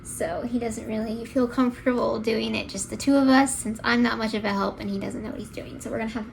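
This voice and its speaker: A woman's voice: a little high, fairly even intonation, fast, creaky, a crowd in the background, low-quality recording. A young woman vlogging in a casual, rambling, chatty way from a bedroom at home. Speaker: pregnancy vlogger. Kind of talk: casual chat to camera.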